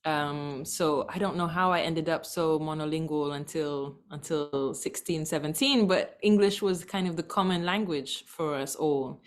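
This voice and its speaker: A woman guest, a language educator born in Thailand, talking in an animated, laughing way on a video call. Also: measured pace, hardly any pauses. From born in Thailand, raised in several countries. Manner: animated, laughing, big swings in pitch. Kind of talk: casual conversation.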